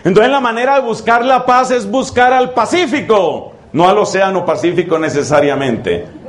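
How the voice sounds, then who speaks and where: A man, a priest giving a conversational sermon that mixes scripture and gentle humor. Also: high-pitched, normal speed, reverberant. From Colombia. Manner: conversational preaching with quoted prayers and humor.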